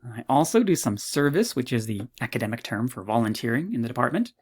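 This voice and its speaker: A man's voice: medium pitch, very animated, quick pace, a little mellow, slightly rough. A man in his fifties from Canada, a university lecturer giving a recorded course introduction with playful, mock-modest humor.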